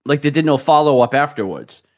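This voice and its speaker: A man's voice: on the high side, animated, a little fast. A middle-aged man co-hosting a casual podcast from a comic bookstore, trading dry, teasing remarks. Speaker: podcast co-host. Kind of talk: casual chat.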